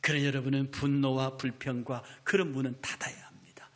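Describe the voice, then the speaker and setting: A middle-aged male pastor giving a sermon, swinging between forceful declarations and whispered asides. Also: medium pitch, flat delivery, brisk. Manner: impassioned preaching that swings from loud to whispered asides.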